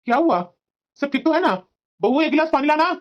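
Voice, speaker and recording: A woman voicing a concerned older father in a cartoon story, firm in a high voice. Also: animated, a little fast.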